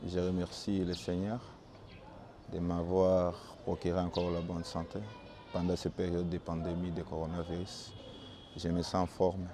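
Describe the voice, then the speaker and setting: A young adult football goalkeeper from Bukavu answers interview questions calmly in a low voice, his Congolese French accent reflecting Swahili as his first language. He is measured, with small restarts, and the background is noisy.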